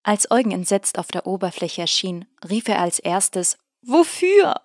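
A woman narrating an audiobook in a steady, measured storytelling manner. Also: lowish voice, no room sound, studio quality.

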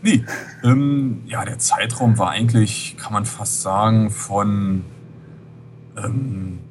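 Man, 40s, fairly low voice, rambling, noisy skype line. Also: fairly even intonation, takes it slowly. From West Berlin. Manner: rambling, many fillers like "halt eben". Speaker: guest. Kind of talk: casual interview. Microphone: Skype call.

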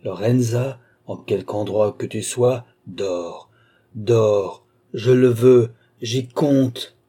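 A man's voice: fairly low pitch, slow, warm tone, slightly rough. A man voicing a feverish, obsessive male sorcerer who speaks in intense, willful incantations. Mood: commanding.

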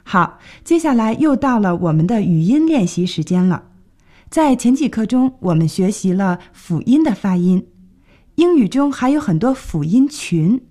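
A woman presenting a scripted radio language lesson, clearly explaining and translating each phrase. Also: medium pitch, sing-song, moderate pace, mellow. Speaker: radio English teacher.

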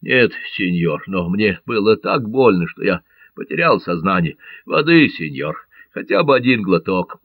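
A man voicing a wounded, boastful Catalan buccaneer in an audiobook, loud and full of oaths. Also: low voice, very animated, a little slow, no echo, narrow, tinny audio, exaggerated voice. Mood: emphatic. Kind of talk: audiobook character voice.

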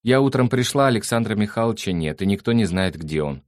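A man's voice: on the low side, animated, fast, no room sound, studio quality, pitched above the performer's own voice, close to an everyday voice. A man voicing a confident, friendly middle-aged housekeeper who speaks cheerfully and plainly. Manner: cheerful and matter-of-fact.

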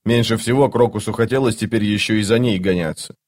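A man reading a fantasy novel aloud in an even, measured narration. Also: fairly low pitch. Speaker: audiobook narrator. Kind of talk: scripted narration.

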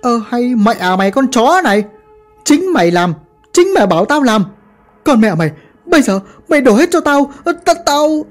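A woman's voice: on the low side, lively intonation, unhurried, pauses often, darkish tone, faint music behind. A woman voicing an arrogant male gangster who mocks a dead rival. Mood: outraged. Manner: mocking, gloating.

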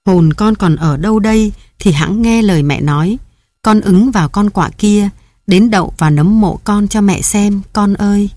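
A woman's voice: mid-range voice, moderate pace, mellow, no room sound, clean studio sound, close to an everyday voice. A woman doing a grieving old mother, pleading. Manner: tearful, pleading lament. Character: grieving old mother at her son's grave.

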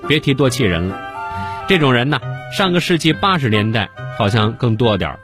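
A man hosting a radio program, chatting directly to listeners and introducing a comedy piece. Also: mid-range voice. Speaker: radio host.

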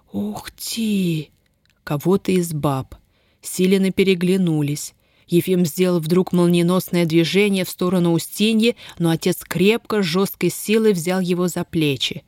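A woman narrating a dramatic story in a measured storytelling manner. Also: fairly low pitch, darkish tone, no echo, studio quality. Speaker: audiobook narrator. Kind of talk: scripted narration.

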